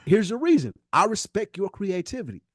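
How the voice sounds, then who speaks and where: An American podcast co-host with a high-sitting, somewhat bright, sing-song voice talks a little fast, recorded at studio quality without room sound. He gets candid in a heart-to-heart, earnest and emphatic, going over his point again and again.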